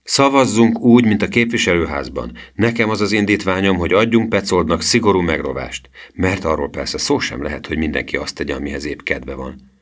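A man voicing a polite, eager boy who tries to calm his friends and suggest fair solutions in an audiobook. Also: deep voice. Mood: earnest.

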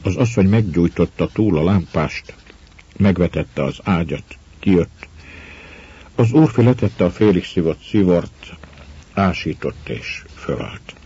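Deep, very husky male storyteller. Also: expressive, mellow. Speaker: narrator. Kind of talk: audiobook story reading. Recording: dull lo-fi recording.

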